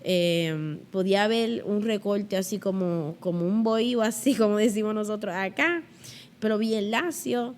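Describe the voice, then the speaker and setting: A woman with a Puerto Rican accent tells childhood stories with lively expression, sometimes acting out the voices of the people in them. Her voice sits at an ordinary middle pitch, and she speaks as a guest in a relaxed interview. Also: unhurried. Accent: Puerto Rican Spanish. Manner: animated, acts out childhood voices. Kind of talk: storytelling in an interview.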